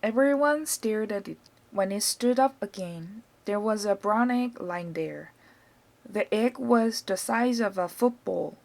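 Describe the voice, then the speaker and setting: A woman with a Korean accent reading a children's novel aloud in a clear, even storytelling voice. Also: mid-range voice, takes it slowly. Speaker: audiobook reader.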